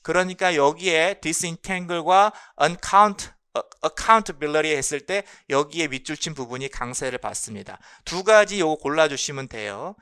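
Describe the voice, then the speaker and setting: In a lively phonology lecture meant for exam preparation, a male English linguistics lecturer speaks in a clear, bright voice whose pitch jumps around with animation. He repeats what matters most and keeps asking and answering his own questions.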